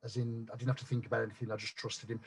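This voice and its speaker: A man telling his story as a guest on a podcast, blunt and quick to swear, tripping over restarts. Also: medium pitch, level tone, gravelly, breathy edge. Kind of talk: casual chat.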